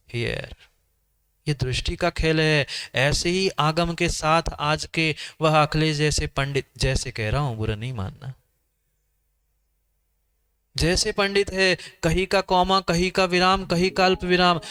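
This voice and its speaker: A man's voice: on the high side, a bit bright, clean tone. A man preaching a sermon, speaking emphatically, repeating phrases and asking his listeners questions. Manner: repetitive, emphatic, asks the audience questions. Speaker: Jain monk preacher. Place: sermon hall.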